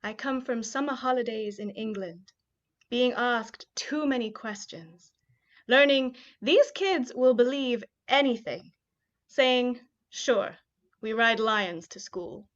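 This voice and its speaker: A young woman from Kenya hosts an online poetry showcase and reads her own spoken-word poem, chatty and upbeat with fillers between remarks. Her voice is on the high side and slow. The live-stream audio is dull and muffled.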